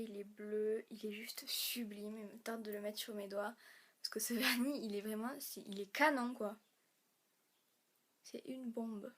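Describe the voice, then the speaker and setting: A young woman from France with a lilt, talking through a makeup haul in a chatty, stop-start way. Her voice sits a touch high and is fraying, as if she is losing it, with the odd throat clear. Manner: chatty, halting, many fillers and restarts. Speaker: beauty vlogger. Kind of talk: casual haul vlog.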